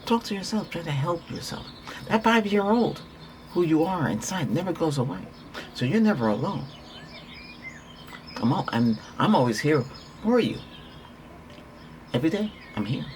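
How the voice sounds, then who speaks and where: A man's voice: a little high, very animated, normal speed, long pauses, darkish tone, slight background noise. A man giving a Reiki healing talk in an earnest, repetitive, conversational way, often restarting his sentences. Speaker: Reiki practitioner.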